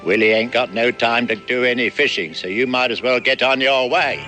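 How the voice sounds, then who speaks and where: An older man playing a gruff, wheedling old seaman and blackmailer in a western drama, with a gravelly voice and sly, folksy coaxing. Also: medium pitch, normal speed, pushed and bright, soft background music, lightly acted. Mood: gruff, dismissive. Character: wheedling, menacing old sea dog blackmailer, male. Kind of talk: period western screen acting.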